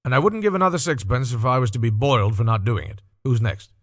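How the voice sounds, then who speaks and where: A man's voice: medium pitch, very animated, fast talker, a bit bright, no echo, clean studio sound. A man voicing a shady, grasping old male dealer in a storybook reading, with garrulous, sly old-fashioned speech. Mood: haggling. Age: older.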